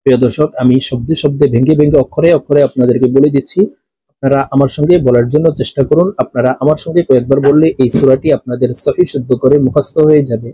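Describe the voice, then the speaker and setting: A man with a Bangladeshi Bengali accent teaching Quran recitation, slowly and patiently, breaking each word apart and repeating phrases. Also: mid-range voice, fairly even intonation, dark tone, husky, no room sound. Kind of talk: slow, patient teaching with drawn-out chanted recitation.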